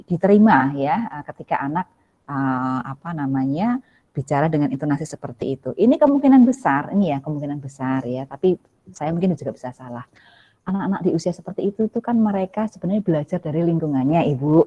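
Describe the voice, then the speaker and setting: Brief: low-voiced woman, warm and mellow, patient webinar speaker with lots of fillers, lo-fi call audio. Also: animated, fast talker. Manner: gentle, hedging, many fillers and "ya" tags. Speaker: webinar speaker on child development. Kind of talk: live webinar Q&A, explaining to a parent. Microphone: video call. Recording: dull lo-fi video call audio.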